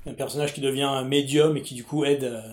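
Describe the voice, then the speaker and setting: Halting man in a roomy space. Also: mid-range voice, little pitch movement. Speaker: podcast co-host. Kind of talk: casual film chat.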